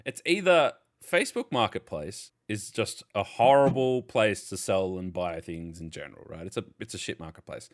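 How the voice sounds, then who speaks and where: Australian man, podcast host, casual chat, lowish voice, very lively pitch, swears a lot. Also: moderate pace, few pauses. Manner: animated storyteller, swears freely, acts out customers.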